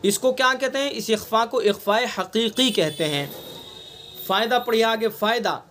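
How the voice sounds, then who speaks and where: A man with a Delhi Urdu accent teaching Quran recitation rules in an online class, patiently explaining and repeating examples with drawn-out nasal sounds. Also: high voice, a bit bright. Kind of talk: online tajweed lesson. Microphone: online class recording.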